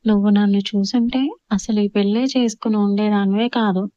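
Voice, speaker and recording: A woman's voice: mid-range voice, little pitch movement, a little fast, warm tone, no echo, lo-fi sound, lightly acted. Woman voicing a playful teasing young husband.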